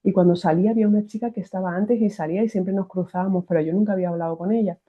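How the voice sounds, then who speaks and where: A woman's voice: fairly low pitch, racing. Spanish woman telling a story over a tinny line. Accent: Spain Spanish. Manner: animated, restarts phrases, acts out quoted voices. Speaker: guest giving a faith testimony. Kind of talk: personal testimony storytelling. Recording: tinny phone-like sound.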